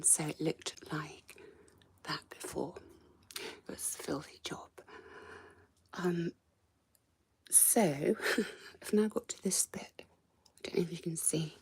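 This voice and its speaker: A home renovation vlogger shows off the cramped attic she's renovating in a casual walk-through filmed on a handheld camera. Her fairly low voice is croaky and mostly whispered, soft and hesitant, trailing off with ums. A little hiss or hum sits in the recording.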